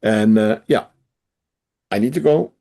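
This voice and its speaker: A man's voice: fairly low pitch, a little slow, vocal fry. A man chatting on a video call, friendly and hesitant, laughing often between phrases. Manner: warm-hearted, laughing often, hesitant restarts. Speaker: participant in an online discussion. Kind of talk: casual chat on a video call.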